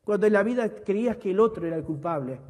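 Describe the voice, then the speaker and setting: A man preaches in a high voice, his words carried on a long hall reverb. He booms out scripture and then drops to quiet, personal asides. The sermon sounds as if recorded in a church hall. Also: expressive, quick pace. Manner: reads scripture aloud with emphasis, then drops to soft, intimate asides. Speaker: pastor.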